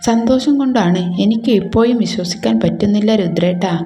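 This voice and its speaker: A woman's voice: mid-range voice, brisk, mellow, lightly acted. A woman voicing a shy but feisty young bride in a romance story, pleading and sulky by turns, with a roomy echo and faint music. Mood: emotional.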